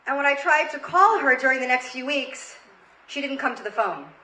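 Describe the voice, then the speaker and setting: A comedy storyteller and host in her thirties, from Queens, New York, tells a story live with dramatic emphasis. Her high-pitched voice is bright and forceful, lively in intonation, at a normal speed. Faint noise sits in the roomy stage recording.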